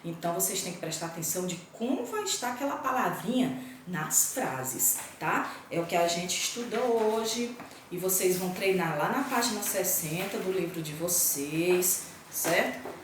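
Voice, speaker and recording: A woman's voice: lowish voice, animated, moderate pace, noisy background. A woman with a Brazilian Portuguese accent teaching a grammar lesson, patiently checking in with her students after nearly every phrase. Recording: echoey room, voice from a distance.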